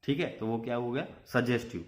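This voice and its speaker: A man's voice: medium pitch, brisk. Man teaching a business class. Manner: mixes Hindi and English, repeats points with "ठीक है". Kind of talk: classroom lecture.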